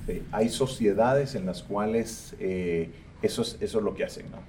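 A man's voice: on the low side, normal speed. A man hosting a casual interview podcast, talking bluntly and with strong opinions. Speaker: podcast host. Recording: distant mic with faint ambient noise.

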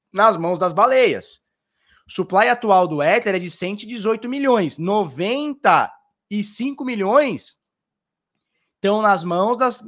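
A man's voice: high voice, a bit bright. A man from Santos, giving casual crypto market commentary, teasing the viewer and pointing things out with "ó". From Santos, Brazil. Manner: teasing, mocking the viewer, constant "ó".

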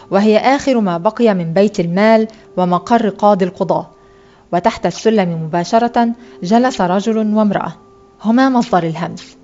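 A woman reading a literary short story aloud in a measured, expressive way, in a dull lo-fi recording. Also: medium pitch. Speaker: audiobook reader.

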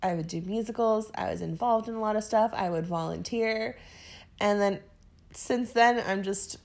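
A woman's voice: medium pitch, normal speed, gravelly, a little mellow. A woman in her twenties co-hosting a podcast, chatting casually and candidly, self-deprecating and often laughing. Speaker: podcast co-host. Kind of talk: casual chat.

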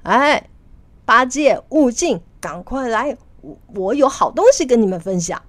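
A woman's voice: fairly high pitch, expressive, unhurried, no room sound. Woman playing a boastful monkey king. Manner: boastful, commanding.

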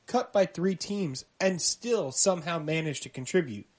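A man's voice: fairly high pitch, expressive, moderate pace, breathy edge. A man co-hosting a casual sports podcast, joking and rambling as he tells stories. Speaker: podcast co-host.

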